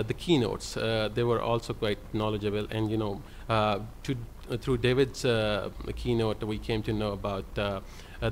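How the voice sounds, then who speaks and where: This librarian presents on a conference panel, speaking into a table mic at the panel table in the conference hall. His pitch is fairly low, his delivery hesitant and full of fillers, and faint hiss or hum runs under the recording.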